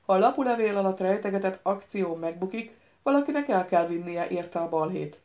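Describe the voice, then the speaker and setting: A woman reading an audiobook, voicing a stout, mustached male official who speaks in a calm, lecturing, firm way. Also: mid-range voice, lo-fi sound, close to an everyday voice. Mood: warning.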